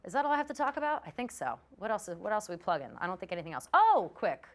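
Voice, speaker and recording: A woman hosting a live talk show in casual chat, chatty and quick to swear. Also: mid-range voice, big pitch swings. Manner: chatty, profane, quick asides. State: out of breath.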